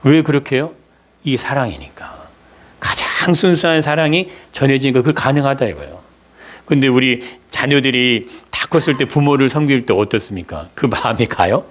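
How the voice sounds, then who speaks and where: A male pastor delivers a Sunday sermon at a middle pitch for a man. He keeps putting questions to the congregation and answers them himself, often repeating key words for emphasis. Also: expressive, a little fast.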